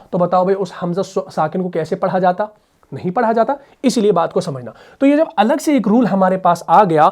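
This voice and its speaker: A male teacher explains recitation rules at a measured pace. He keeps asking rhetorical questions and answers them himself, and he slows right down to repeat sounds for his students. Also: sits high, darkish tone. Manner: drills sounds by slow repetition. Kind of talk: explanatory tajweed lesson.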